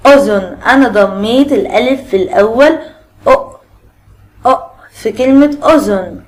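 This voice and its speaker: An Egyptian woman teacher leads a children's reading lesson. She patiently asks the class questions and repeats each letter sound slowly. Her voice sits a little higher than most. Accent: Egyptian Arabic. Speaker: primary school teacher.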